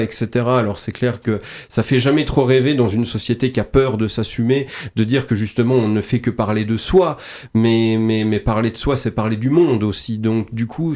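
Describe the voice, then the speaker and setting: A man's voice: mid-range voice, a little mellow. A man, the guest poet and author, talking at length on a radio show, with many restarts and repeated words, then lyrical turns of phrase. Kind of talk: radio interview talk. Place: radio studio.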